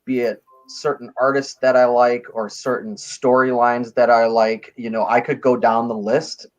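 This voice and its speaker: Calm thoughtful guy, says you know a lot, dull lo-fi mic sound. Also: medium pitch, normal speed. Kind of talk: casual panel chat.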